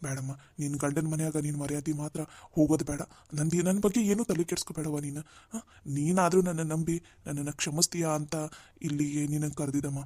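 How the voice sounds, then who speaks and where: A humbled, jobless older brother from a dubbed cartoon drama, as a man voices him. His voice is fairly high for a man but dark and mellow, moving little in pitch. It sounds close and dry. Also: little pitch movement, fairly quick, dry recording, close to an everyday voice. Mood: pleading. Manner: gentle, pleading, dialect-heavy.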